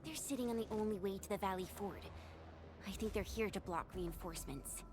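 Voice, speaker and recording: A woman's voice: mid-range voice, brisk, music in the background, natural voice. A woman voicing an eager, confident young field operative in a video game, informal and upbeat.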